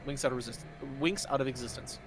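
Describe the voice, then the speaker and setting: A man's voice: medium pitch, quick pace, noisy background. A man working as game master, narrating a tabletop role-playing game in an informal way. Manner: informal, with spoken sound effects. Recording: music behind the voice.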